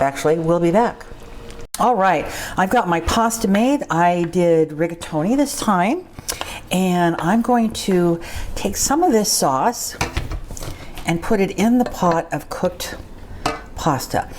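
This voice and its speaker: A woman with a slightly low voice narrates while cooking, chatting casually as a home cook hosting a show. She talks conversationally and often repeats a phrase for emphasis. Clear kitchen noise sits behind her. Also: a little mellow.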